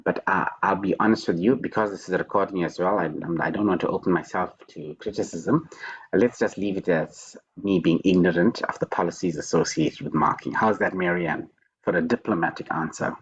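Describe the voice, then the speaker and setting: A man's voice: sits low, brisk, highs cut off. A man lecturing on programming over a video call, playful, repeating his words and teasing himself with mock self-praise. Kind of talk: online tutoring session.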